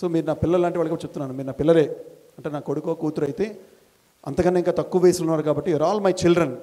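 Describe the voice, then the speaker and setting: A man's voice: a little high, fairly even intonation, racing. A middle-aged man, a school principal, gives a motivational talk to college students, firing questions at them and repeating phrases in rhetorical chains. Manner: fires questions at the audience and urges them to answer louder. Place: college hall before students.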